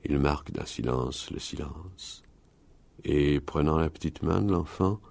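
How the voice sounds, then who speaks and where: A man reading a story aloud in a slow, measured way. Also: rumbling low, vocal fry, a little mellow. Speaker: narrator.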